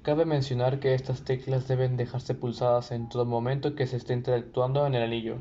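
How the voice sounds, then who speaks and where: A man giving a calm, step-by-step tutorial on changing screen-reader voice settings. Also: medium pitch, brisk. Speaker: tutorial presenter. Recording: lo-fi with faint noise.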